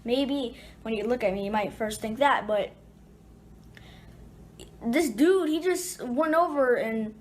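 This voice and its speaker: A woman's voice: on the high side, slow, long pauses. A woman casually telling a personal story to her viewers, rambling with restarts and fillers.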